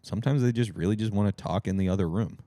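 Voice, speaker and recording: Twenty-something guy, really deep voice, dry close mic, laid-back chat. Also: quick pace, dark tone, dry recording. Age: 20s. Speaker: podcast co-host. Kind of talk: casual banter.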